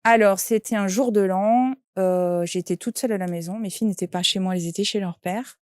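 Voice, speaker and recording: Woman, shaman and medium, mellow voice, dry close sound, interview anecdote. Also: mid-range voice, a little fast, no room sound. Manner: lively anecdote telling, quoting voices. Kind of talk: interview storytelling.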